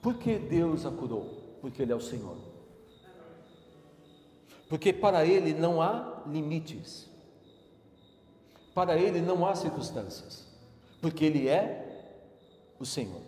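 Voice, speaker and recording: A male pastor preaching a sermon slowly and emphatically, his passion rising. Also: on the high side, a little mellow. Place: church sanctuary. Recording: echoey church hall with music.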